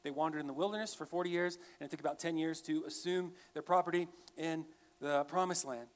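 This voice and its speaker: High-voiced man preaching a sermon. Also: fast. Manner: conversational, with frequent restarts. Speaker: pastor. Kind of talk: expository sermon.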